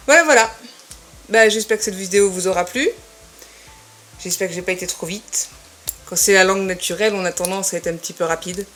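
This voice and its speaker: A woman's voice: medium pitch, fairly quick, long pauses, a bit bright, soft background music. A woman teaching syllables, sounding them out one by one in a patient, careful way. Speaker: French teacher. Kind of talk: slow, careful spoken lesson.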